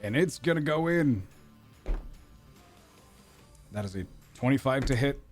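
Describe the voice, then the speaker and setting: A man's voice: mid-range voice, expressive, measured pace, soft background music. A man narrating as game master in a tabletop role-playing game, describing combat in a casual, joking way.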